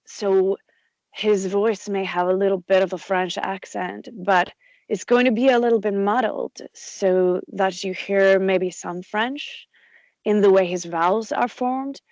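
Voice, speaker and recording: A woman voice actor chats about her craft in a relaxed interview, full of "you know"s, restarts and quick laughs. Her voice sits at an ordinary middle pitch. The sound is dry and close, with no room around it. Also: dry recording, lo-fi sound. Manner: chatty, lots of fillers and restarts, laughs easily. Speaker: audiobook narrator and voice actor. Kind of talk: conversational interview.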